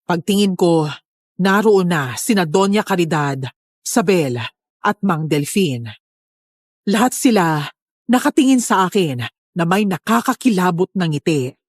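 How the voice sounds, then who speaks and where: A woman narrating a first-person horror story in a steady, somber way. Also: fairly low pitch, a little slow, dry recording, clean studio sound.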